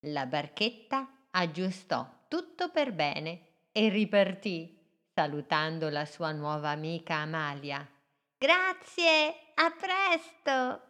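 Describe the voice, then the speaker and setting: A woman slowly reading a children's story aloud in a gently expressive way. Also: deep voice.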